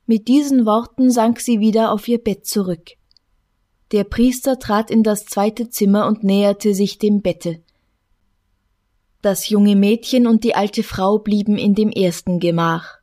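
A woman reads a classic novel aloud at a calm, measured pace. Her voice is mellow and dark-toned. Her pitch sits in an ordinary middle range. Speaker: audiobook narrator. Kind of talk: scripted literary narration.

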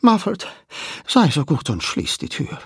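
A man's voice: on the high side, huge pitch swings, slow, husky, dry recording, clean studio sound, exaggerated voice. A man reading a storybook and voicing a weary, woeful older male headmaster in a shaky, plaintive voice.

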